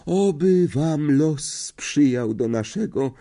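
Man doing a dreamy old female seer, misty quavering voice, drawn-out melodrama, husky undertone. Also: expressive, dark tone, heavily acted. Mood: languid. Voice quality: misty, quavering, swooping high voice. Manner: slow, melodramatic, drawn-out words. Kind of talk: audiobook character voice.

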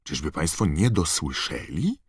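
A man's voice: extremely low pitch, very animated, a little slow, husky, no room sound, studio quality, exaggerated voice. A man voicing a polite, kindly middle-aged wizard father, speaking courteously. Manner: courteous, gently persuasive.

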